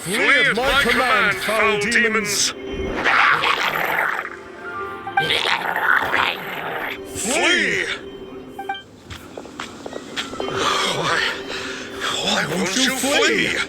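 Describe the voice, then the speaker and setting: A man's voice: extremely high pitch, lively intonation, slow pace, exaggerated voice. A man playing a pompous, boastful but cowardly young exorcist in a video game, with theatrical archaic phrasing. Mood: commanding, panicky. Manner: pompous, archaic, calls himself "one". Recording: loud game music behind the voice.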